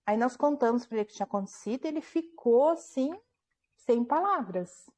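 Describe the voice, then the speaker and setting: A woman's voice: on the high side, normal speed. A woman, a book author, telling a personal story in an interview at home, animatedly acting out what people said and often checking in with her listener. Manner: animated retelling, acting out quoted dialogue, frequent tag questions.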